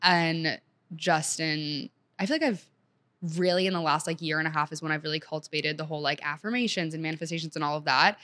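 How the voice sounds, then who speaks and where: A woman's voice: low voice, fairly even intonation, a little fast, sharp tone. A young woman in her twenties from Senegal, talking as a guest in an upbeat, chatty way full of "like". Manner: chatty, upbeat, heavy use of "like". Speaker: guest, content creator. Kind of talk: casual chat.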